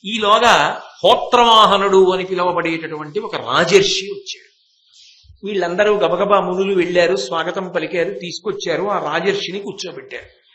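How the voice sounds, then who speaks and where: A man delivers a devotional sermon as a vivid story, breaking into slow chanted verses. His voice sits high and sounds sharp and bright. The room around him rings with echo. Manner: vivid retelling that acts out the characters' speech. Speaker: religious discourse speaker.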